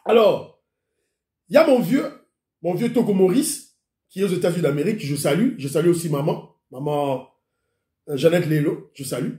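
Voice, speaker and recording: A man with a Congolese accent chats with his viewers, thanking commenters one after another by name. His voice sits high for a man. The sound rings around an echoey room. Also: darkish tone. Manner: greets commenters by name, mixes in Lingala. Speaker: YouTube show host. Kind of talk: casual chat with viewers.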